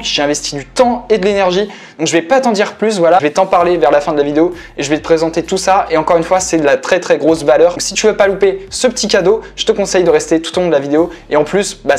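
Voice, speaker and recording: A man hosting a screen-recorded tutorial, talking insistently and repetitively, with lots of filler words. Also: high-pitched. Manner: repetitive, insistent, many fillers like "voilà" and "donc". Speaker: online money-making tutorial host.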